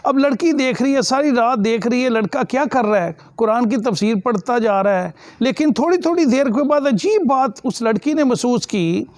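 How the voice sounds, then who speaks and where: Preacher guy, very high voice, dry mic, gets emotional and pleading. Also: lively intonation, moderate pace, hardly any pauses, dry recording. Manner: emotive, rising to high emphatic pleas. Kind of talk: sermon storytelling.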